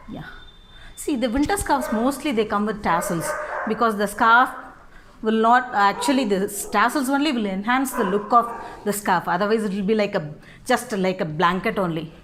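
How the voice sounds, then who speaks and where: A woman hosting a casual how-to video, giving unhurried step-by-step instructions and often ending phrases with "no?". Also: mid-range voice, background noise. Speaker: scarf styling tutorial host.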